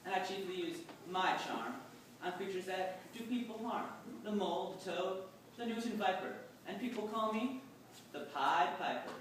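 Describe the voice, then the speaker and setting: A performer playing the Pied Piper, a mysterious, boastful wandering musician, reciting verse deliberately for readers theatre. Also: mid-range voice, animated, natural voice. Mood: boastful, formal. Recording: distant, very echoey room, faint noise.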